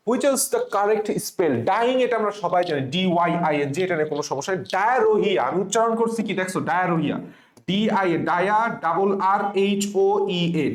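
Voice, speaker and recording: Man, high voice, spelling tutor, slow letter-by-letter drilling, echoey room. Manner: drills words slowly, letter by letter, asking students to repeat. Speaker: spelling tutor for medical admission students. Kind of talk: classroom-style exam lesson.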